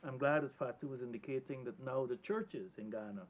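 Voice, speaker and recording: A man from Guyana speaks on a television panel in a middle-pitched voice. He talks earnestly and with emphasis, often restarting his words. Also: fairly quick, poor audio. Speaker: panel guest.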